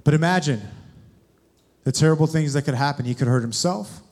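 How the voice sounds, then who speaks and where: A man's voice: on the high side, fairly quick, a little mellow. A young man preaching a sermon, addressing the congregation directly with questions. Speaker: guest preacher.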